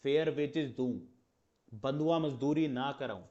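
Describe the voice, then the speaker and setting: A man's voice: medium pitch, unhurried, a little mellow, highs cut off. A man teaching an astrology class in a conversational way, asking rhetorical questions and acting out little exchanges. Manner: conversational, explains with rhetorical questions and mock dialogue. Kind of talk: lecture in Hindi with English terms.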